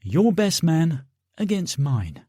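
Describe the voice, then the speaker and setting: A man's voice: fairly high pitch, very animated, slow, dark tone, slightly rough, no echo, full character voice. A man voicing a blunt, weary British soldier in an audiobook, talking in a curt, dry way.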